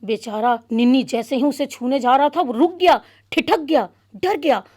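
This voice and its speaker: A woman narrating a children's story expressively, pausing to explain words. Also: high-pitched, darkish tone. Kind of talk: storytelling demonstration for teachers.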